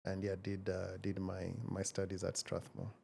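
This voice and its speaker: A man in his forties, speaking as an interview guest in a measured, reflective way with frequent hesitations. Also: deep voice, monotone, creaky, a little mellow, husky. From Kenya. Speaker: guest, tech founder. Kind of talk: casual interview conversation.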